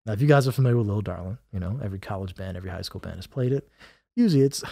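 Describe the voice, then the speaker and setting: A man guest on a podcast, telling a casual story with animated delivery, acting out other people's lines and scatting melodies. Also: deep voice, very fast, creaky, noisy background. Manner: animated, acts out quotes and scats melodies. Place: podcast recording.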